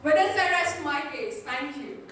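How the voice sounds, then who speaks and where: A teenage girl giving a rehearsed competition speech with precise, deliberate diction and emphatic pauses, recorded in an echoing hall. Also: high voice, a bit bright. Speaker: school declamation contestant. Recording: echoey hall, distant mic, faint noise.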